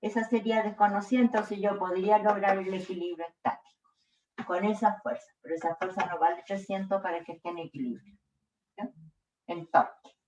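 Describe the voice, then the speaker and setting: A woman's voice: medium pitch, steady tone, darkish tone, a little hiss or hum. A woman teacher working through a physics problem step by step, often checking in with her students. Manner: slow, checks in with frequent "¿ya?". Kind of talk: explaining a worked problem. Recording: echoey room, distant dull mic.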